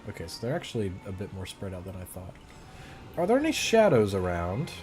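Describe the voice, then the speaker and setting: A man's voice: sits low, huge pitch swings, brisk, a little mellow. A man casually commentating his gameplay, thinking aloud and muttering his plans as he goes. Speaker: gamer.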